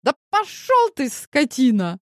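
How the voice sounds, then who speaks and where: Woman reader doing a drunk, raging fortyish woman; shrill, shouty, slurred. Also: wildly swooping pitch, takes it slowly, no room sound, clean studio sound, exaggerated voice. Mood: drunk furious. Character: drunk, furious woman in her forties, lashing out.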